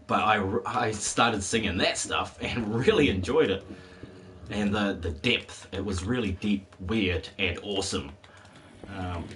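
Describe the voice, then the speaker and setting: In casual game-stream chatter, a man in his forties rambles and laughs easily. His low voice has a fairly bright tone but still sounds a bit worn from a cold, with a little hiss or hum in the recording.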